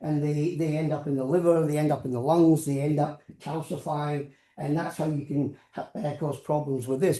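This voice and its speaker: An older Scottish-accented professor gives an informal science lecture, rambling into anecdotes and repeating words as he goes. His voice is a little high with a dark tone, and the sound is roomy and echoing.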